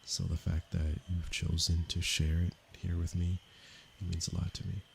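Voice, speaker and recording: A man from Canada, a meditation teacher, speaking softly and unhurriedly to viewers of his livestream. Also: low-pitched, level tone, creaky, a little hiss or hum. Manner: slow, soft-spoken and unhurried, with pauses. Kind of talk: calm livestream talk to viewers.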